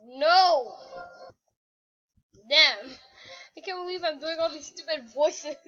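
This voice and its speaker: A woman's voice: high-pitched, slow pace, a bit bright. A woman hosting a casual gaming video, rambling and joking in slangy talk. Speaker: channel host. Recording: muffled lo-fi recording.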